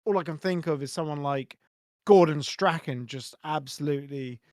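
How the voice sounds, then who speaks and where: Guy bantering on a football pod, a bit high voiced, dead dry mic. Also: a little mellow, no room sound. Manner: jokey, quick banter. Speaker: podcast co-host. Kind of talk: casual fan chat.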